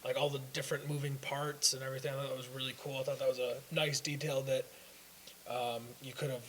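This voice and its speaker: A man's voice: mid-range voice, level tone, quick pace, fairly bright tone, low-quality recording. A young man co-hosting a casual fan talk show, rambling through his opinions with restarts. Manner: rambling, hesitant with fillers and restarts. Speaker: co-host. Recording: faint hiss.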